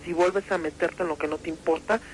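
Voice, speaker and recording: A man's voice: a little high, steady tone, brisk. Guy doing a nasty threatening demon, coming in over a super hissy phone line on late night radio. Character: menacing male demon speaking through a possessed girl. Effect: phone call on air.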